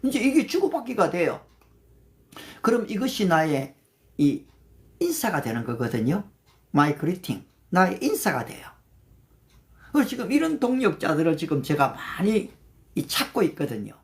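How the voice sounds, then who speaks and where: This livestreamed devotional talk comes from an older man with a high voice, lively and animated in its rise and fall. He leads a prayer meeting, reciting Bible verses slowly in English and naming viewers to thank them.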